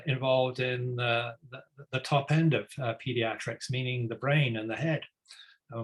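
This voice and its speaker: A man introducing a guest speaker in an online talk, speaking haltingly with many fillers and restarts. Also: medium pitch, fairly bright tone, low-quality recording.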